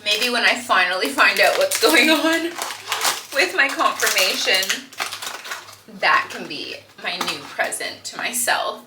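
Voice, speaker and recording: A woman's voice: mid-range voice, very animated, a little slow, roomy sound, noisy background. A young woman, chatting casually to camera at home with lots of "like"s and "um"s, often giggling. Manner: chatty, giggly, rambling with many "like"s and "um"s. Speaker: vlogger. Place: home kitchen.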